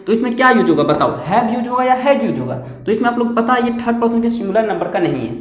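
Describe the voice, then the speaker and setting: A man's voice: very high voice, lively intonation, fast. A man teaching English grammar at a board, repeating points and putting questions to his class. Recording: echoey room with long reverb.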